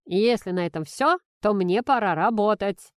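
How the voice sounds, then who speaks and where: A woman's voice: mid-range voice, normal speed, dry recording, clean studio sound, lightly acted. A woman reading a storybook, voicing a middle-aged male boss who drawls and answers evasively. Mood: irritated, curt. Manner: drawling, mocking, curt.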